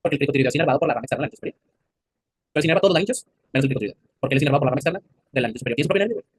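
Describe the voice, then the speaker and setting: Fast-talking husky Mexican anatomy teacher. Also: male voice, medium pitch, animated. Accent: Mexican Spanish. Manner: crude slangy banter, quizzing the class. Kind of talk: classroom lecture. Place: classroom.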